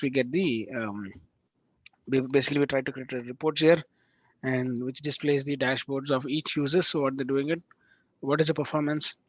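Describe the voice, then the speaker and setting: A man teaching a live online class over a video call, talking in halting bursts with restarts and frequent check-ins with his students. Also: on the high side, no echo. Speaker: instructor. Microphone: video call microphone. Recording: dull lo-fi call audio.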